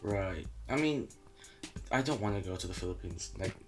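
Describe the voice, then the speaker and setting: A young man hosting a casual podcast chat, rambling and correcting himself with a tired, low-energy delivery. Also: animated, normal speed, soft background music. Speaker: podcast host.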